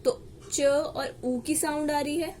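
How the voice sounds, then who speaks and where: A woman teaching shorthand in a slow, explanatory lesson, repeating each example word. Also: high-pitched, fairly even intonation, darkish tone, a little hiss or hum. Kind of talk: step-by-step lesson.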